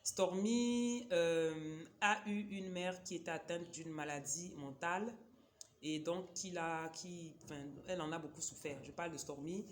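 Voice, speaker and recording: At a measured pace, a woman with a voice on the low side recommends books in a casual vlog, with a little hiss or hum in the audio. She is chatty and digressive, speaks straight to viewers, and her first language is a Cameroonian local language.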